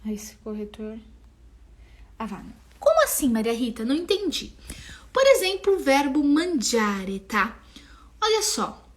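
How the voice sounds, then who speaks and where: A young woman teaching a live online language class, explaining patiently and sounding out each form slowly. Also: high voice, sing-song. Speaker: Italian teacher.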